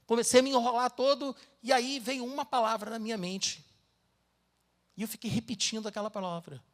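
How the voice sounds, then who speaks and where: A man's voice: very high voice, fairly even intonation, fairly quick. A middle-aged man with a Brazilian Portuguese accent, preaching a sermon as pastor, mixing personal stories with dramatic Bible reading.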